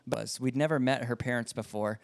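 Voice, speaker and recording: A man who is a pastor, telling stories in a casual podcast chat with lively delivery. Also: mid-range voice, a little fast, no echo. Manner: lively storyteller, acts out voices in anecdotes.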